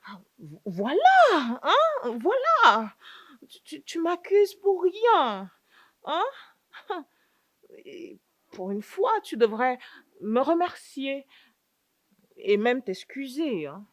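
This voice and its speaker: A sassy scheming auntie, high and theatrical, needling "hein?" after everything, dry mic. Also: female voice, sing-song, very slow, pauses often, fairly bright tone, no room sound, exaggerated voice. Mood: defensive. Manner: theatrical, needling rhetorical questions, repeated "hein". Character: sassy scheming younger aunt, mocking and quarrelsome. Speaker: sitcom actress. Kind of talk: comedic sitcom acting.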